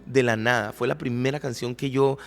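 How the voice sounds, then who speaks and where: A man's voice: medium pitch, fairly even intonation, normal speed, creaky, big-room sound, a crowd in the background. A man co-hosting a podcast, earnestly telling a personal faith story with emotion, often repeating and restarting words. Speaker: podcast co-host, worship leader. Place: recording studio.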